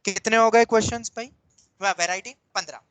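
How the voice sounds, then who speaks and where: A male maths teacher lectures a class with a bright, forceful voice. He explains patiently, slipping English terms into Hindi and calling his students "beta". He speaks in a classroom with students present. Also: high-pitched, steady tone, a little fast, poor audio.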